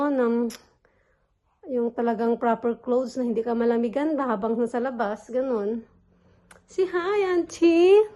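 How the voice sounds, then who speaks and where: A woman's voice: a little high, a little mellow. A young woman vlogging as a mother, chatting casually in a mix of Tagalog and English and slipping into sing-song baby talk with her infant. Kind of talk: casual family vlog chat.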